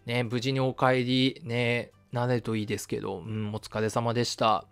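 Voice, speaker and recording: A man's voice: level tone, moderate pace, vocal fry, clear, resonant tone, soft background music. Male live-stream host, casual and chatty, lots of "um"s, lightish voice. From Shizuoka, Japan. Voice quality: fairly high voice for a man. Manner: casual, many fillers, friendly and chatty. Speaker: history channel host. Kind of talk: live-stream chat reading viewer comments.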